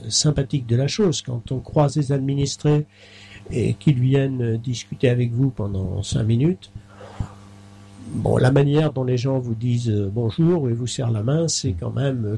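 Gravelly, husky middle-aged man. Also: mid-range voice, warm tone. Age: middle-aged or older. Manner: halting, many fillers and restarts. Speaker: mayor. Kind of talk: interview.

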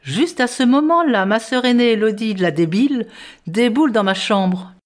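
A woman's voice: a little high, moderate pace. Playful woman reading a storybook. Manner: playful, expressive reading in a boy's first person. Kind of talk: storybook narration.

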